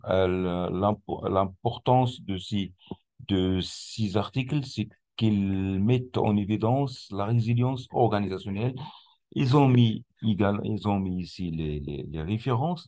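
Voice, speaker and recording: A man presenting a screen-recorded software tutorial, explaining step by step with many hesitations and restarts. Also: on the low side. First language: not English; speaks French.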